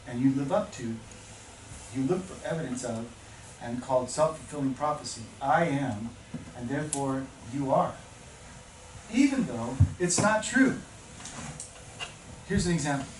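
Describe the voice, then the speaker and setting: A man's voice: mid-range voice, darkish tone. A man giving a passionate motivational talk to new teachers, telling stories and building to emphatic peaks. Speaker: teacher orientation speaker. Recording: echoey room, speaker far from mic, noisy.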